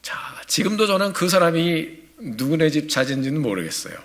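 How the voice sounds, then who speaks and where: Bright-voiced male pastor telling a story. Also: a little high, moderate pace. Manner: storytelling, animated. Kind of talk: sermon. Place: church sanctuary.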